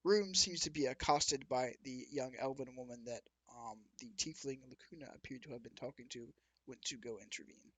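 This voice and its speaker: A man narrating as game master of a tabletop game, often pausing to correct himself. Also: medium pitch, fairly bright tone, breathy edge, no room sound.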